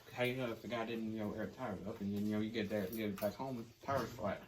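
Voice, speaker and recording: A young man giving a casual how-to to camera, halting as he searches for words. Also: on the low side, steady tone. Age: young adult. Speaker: video host. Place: garage, phone on tripod a few feet away. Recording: clearly noisy garage phone recording.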